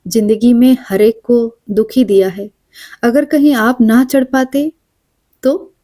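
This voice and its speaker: A woman's voice: fairly high pitch, fairly even intonation, takes it slowly, warm tone, no echo, clean studio sound. A woman voicing a fretful, self-reproaching young woman in a storybook reading, her tone plaintive. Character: anxious self-blaming young woman on train.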